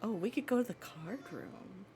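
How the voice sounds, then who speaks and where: Woman chatting casually with animated intonation. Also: medium pitch, normal speed, faint music behind. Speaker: co-host of a game playthrough. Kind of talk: casual gaming chat.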